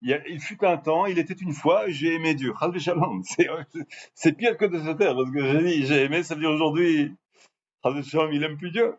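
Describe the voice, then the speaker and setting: A man giving an informal religious lesson to a live group, drawing out Hebrew words slowly to show their pronunciation and often asking his listeners whether they follow. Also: on the high side. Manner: asks listeners for confirmation often. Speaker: religious teacher addressing a class. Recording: muffled lo-fi recording with faint background noise.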